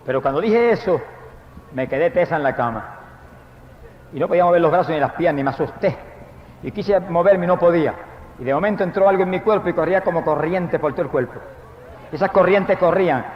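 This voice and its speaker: A man's voice: a little high, fast talker, pauses often, a little hiss or hum, close to an everyday voice. A man preaching at a church service and quoting his converted wife as she tells her story. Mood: recounting. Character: preacher's once-hostile wife, now converted. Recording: echoey, dull live hall recording.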